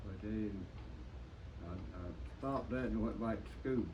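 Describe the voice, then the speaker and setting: Muffled lo-fi recording, faint noise, man in his nineties, old veteran remembering, halting, plain-spoken, folksy. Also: lowish voice, darkish tone. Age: 90s. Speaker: WWII veteran being interviewed. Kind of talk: interview reminiscence. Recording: dull lo-fi sound with faint noise, distant mic.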